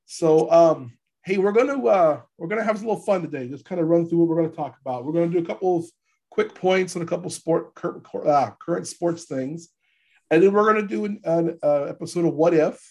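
A man with a stuffy, gravelly voice from allergies, hosting a casual sports podcast and informally rephrasing his points as he goes. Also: a little high, brisk, dark tone. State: congested from allergies. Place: podcast studio.

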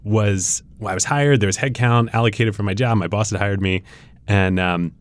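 A man's voice: lowish voice, moderate pace. A man co-hosting an interview podcast, eager and conversational, steering the talk back on track. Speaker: podcast co-host.

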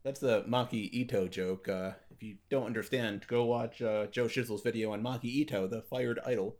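A man co-hosting a relaxed wrestling podcast, cracking jokes as he watches along. He rambles a little with fillers, in an ordinary mid-range voice. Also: medium pitch, normal speed. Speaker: podcast co-host. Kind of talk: casual chat over a watch-along.

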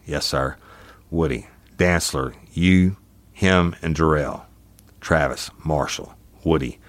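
A man's voice: a bass voice, no echo. A man hosts in a dry, close recording. He reads an interrogation transcript aloud in procedural police fashion, giving each speaker's name before the words. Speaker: host, former police detective.

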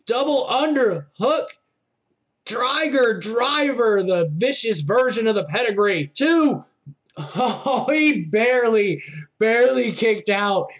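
A man with a notably high voice calls wrestling play-by-play at a slow pace. Even so, he is excitable and exclaims over the moves. His wording is informal, like a fan calling the match.

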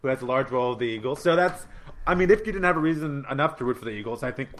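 A man's voice: mid-range voice, animated, racing. A man co-hosting a sports podcast in casual, conversational banter.

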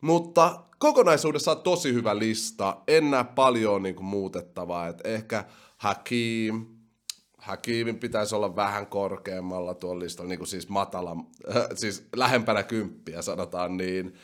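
A young man with a somewhat low voice talks casually as a podcast host. He reads listener comments out loud and reacts to them. His delivery is animated, with sudden loud bursts. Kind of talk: casual chat.

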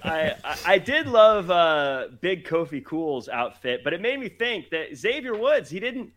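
A man with a fairly high, bright voice that swings widely in pitch. He co-hosts a casual wrestling chat, animated and laughing often. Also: a little slow. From Tacoma, Washington. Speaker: podcast co-host.

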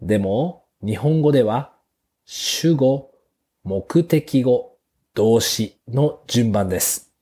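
A man hosting a beginners' Japanese lesson podcast, speaking slowly and simply with small fillers. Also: mid-range voice, lively intonation, dark tone. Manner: slow, clear teacher's delivery with fillers. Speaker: podcast host teaching Japanese.

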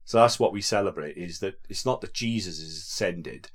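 A man with a South Wales accent speaks in a fairly low register. He hosts like an informal vicar, explaining things conversationally, with a jokey, chatty manner and plenty of tag questions. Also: moderate pace. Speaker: podcast host and vicar. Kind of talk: casual conversational explaining of faith.

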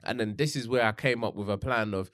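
A man's voice: on the low side, fast, a bit bright, no echo, studio quality. A man with a London accent in casual conversation, using roadman slang and rambling as he thinks aloud. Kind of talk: casual chat.

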